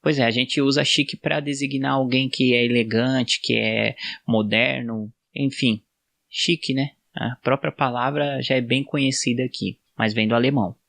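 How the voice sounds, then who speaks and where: A man's voice: medium pitch, fairly even intonation, moderate pace, vocal fry, a bit bright, no echo. A man with a Brazilian Portuguese accent, chatting casually in an explainer vlog, with frequent tag questions and restarts. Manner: chatty, frequent "né?" tags, self-corrections. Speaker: vlogger.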